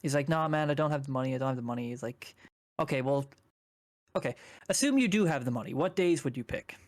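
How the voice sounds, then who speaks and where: A man's voice: mid-range voice, expressive, fast, dry recording, studio quality. A young man from Canada, a guest on a chat stream, rambling casually through a personal story and swearing now and then.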